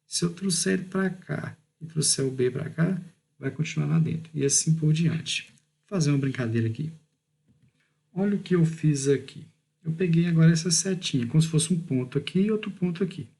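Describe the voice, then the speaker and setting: A man with a Brazilian Portuguese accent records a math lesson over slides, his voice mellow and slightly high for a man. He works through each idea step by step, draws out key words slowly, and checks in with a quick "beleza?" or "tá bom?". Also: vocal fry. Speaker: teacher.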